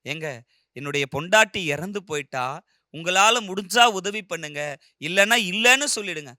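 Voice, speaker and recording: A man's voice: sits high, animated, moderate pace, bright, forceful tone, no echo, clean studio sound, exaggerated voice. A man doing a humble grieving poor man. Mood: pleading. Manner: humble, pleading.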